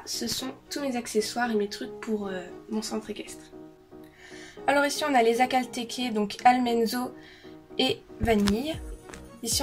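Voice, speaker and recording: A woman vlogger in an indoor room, chatting casually as she lists her collection, with frequent hesitations. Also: on the high side. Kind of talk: casual show-and-tell. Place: indoor room shared with siblings.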